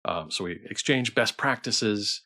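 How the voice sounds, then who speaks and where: A weary man streams a visual novel and talks with viewers in a loose, hesitant, rambling manner, with repetitions and restarts. His voice is on the low side, expressive, bright, and forceful, and he speaks a little slowly.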